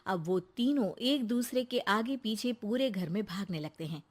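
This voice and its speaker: A woman's voice: mid-range voice, animated, a little slow. A woman reading a scripted comic family story as its narrator.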